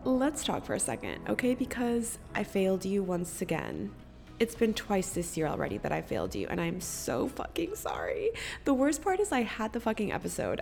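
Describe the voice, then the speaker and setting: A young woman hosts a podcast in a casual, rambling chat, swearing freely. Her mid-range voice is gravelly and darkish, and she sounds congested and keeps coughing.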